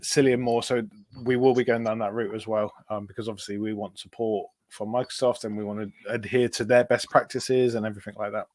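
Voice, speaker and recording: A man in a casual tech chat, explaining in a measured, agreeable way. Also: on the low side, flat delivery, a little mellow, dry recording.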